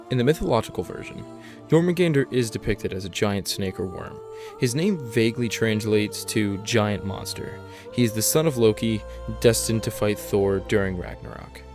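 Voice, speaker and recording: A man's voice: lowish voice, a little mellow. A man delivering scripted explainer narration as the narrator of a video essay.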